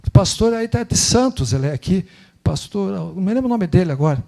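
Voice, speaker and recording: A man speaking informally as a guest missionary at a church service, telling animated stories and tagging phrases with "né?", on a handheld mic in a church. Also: high voice, fast. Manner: animated storytelling, acts out dialogues, frequent tag "né?". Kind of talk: informal church talk with anecdotes. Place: church sanctuary.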